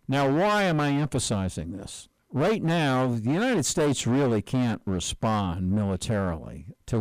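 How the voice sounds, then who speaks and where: A man hosts a talk radio show in an unscripted commentary, explaining things step by step at a measured pace. He often restarts his phrases and repeats words as he thinks aloud. His mid-range voice sits in a dry, close recording with no room sound. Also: medium pitch, darkish tone, dry recording, poor audio.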